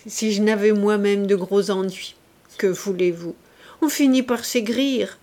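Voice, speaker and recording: A woman's voice: medium pitch, a little slow, mellow, close to an everyday voice. A woman voicing a plump, complaining middle-aged lady who reproaches an old friend in a plaintive, wheedling tone. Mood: reproachful.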